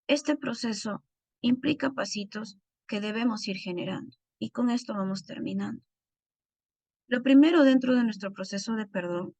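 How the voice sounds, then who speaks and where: A woman's voice: fairly high pitch, creaky, dry recording. A middle-aged woman teaching a recorded Bible course, speaking earnestly and directly to her listeners.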